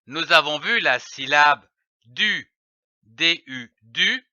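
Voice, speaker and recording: A man giving a scripted reading lesson, spelling letters and syllables out slowly and clearly. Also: on the high side, lively intonation, sharp tone, no echo. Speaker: reading teacher. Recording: dull, slightly lo-fi audio.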